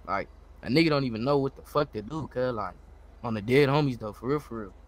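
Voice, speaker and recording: An American man with a mid-range voice talks fast while improvising a gangster character in an online roleplay game. He uses profane street slang and keeps repeating check-in phrases.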